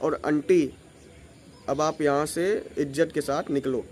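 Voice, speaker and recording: A man voicing his own cool, menacing young male alter ego, talking slow, low and threateningly. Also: a little hiss or hum, natural voice.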